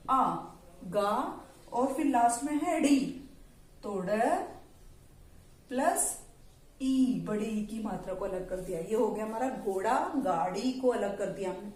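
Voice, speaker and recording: A woman teacher giving an online lesson to young children, slowly and patiently sounding out syllables and words. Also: a little high, expressive, a little mellow. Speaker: primary school teacher. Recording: echoey room.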